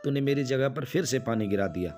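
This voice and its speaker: A man playing an irritable grown son in a storybook tale. His voice is an ordinary mid-pitched male voice, quick to complain, with soft music underneath. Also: lively intonation, natural voice. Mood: irritated.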